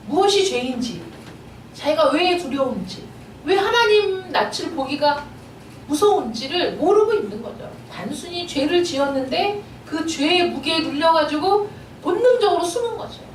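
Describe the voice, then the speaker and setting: A woman's voice: high-pitched, slight background noise. A woman pastor preaching a sermon, earnestly putting rhetorical questions to her congregation. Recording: echoey room, voice a bit far from the mic.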